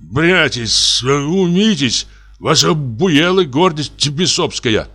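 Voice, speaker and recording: A man's voice: fairly high pitch, lively intonation, slow pace, sharp tone, faint music behind, pitched above the performer's own voice, exaggerated voice. A man voicing a pious middle-aged brother who pleads and sermonizes in a raised, whining voice. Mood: pleading.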